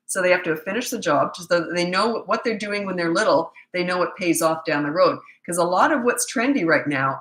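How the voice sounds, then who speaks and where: A parenting coach in her sixties answers questions on a live stream, blunt and matter-of-fact, often posing rhetorical questions. Her fairly low, fairly bright voice is worn thin by a cold and keeps giving out. The sound has a roomy echo.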